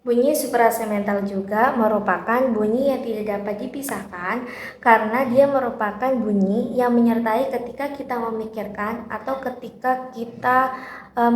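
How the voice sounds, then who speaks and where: A young woman from Indonesia talks through a linguistics lesson as a student presenter. She explains things steadily and pauses now and then for an "eh". Her voice bounces around a roomy space with a faint hiss of noise behind it. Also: on the high side. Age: young adult. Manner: steady explanatory delivery, occasional "eh" fillers. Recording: echoey room with faint background noise.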